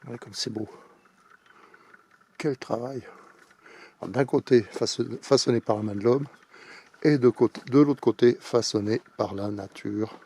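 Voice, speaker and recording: A man out of breath, giving casual walking tour commentary outdoors at a mountain fort, exclaiming over the views and talking loudly over the wind into a camera mic. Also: medium pitch, moderate pace, creaky, long pauses, husky. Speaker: vlogger touring a fort. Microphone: handheld camera mic.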